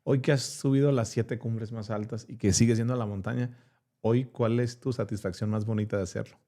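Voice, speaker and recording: A man's voice: mid-range voice, steady tone, brisk, mellow. Guy hosting a podcast chat, asks short questions, open and heartfelt. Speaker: podcast host. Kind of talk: casual interview chat.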